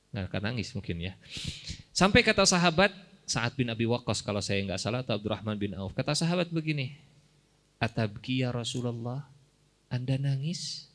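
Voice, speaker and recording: Guy preaching, jokey and chatty, acts out little quotes, mid-pitched. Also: fairly bright tone. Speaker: Islamic preacher. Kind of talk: sermon.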